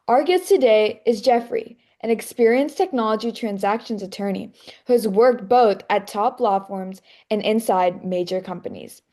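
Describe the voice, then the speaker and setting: A woman's voice: a little high, warm tone. A woman hosting a law podcast, welcoming listeners and introducing her guest in an upbeat, partly scripted way. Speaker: podcast host.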